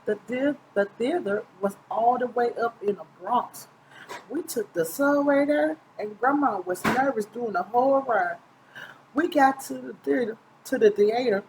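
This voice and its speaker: A middle-aged woman with a voice on the high side reads a picture book for children at a moderate pace, informally, stumbling at times and correcting herself. She is seated close to the camera in a small indoor room, with background noise audible.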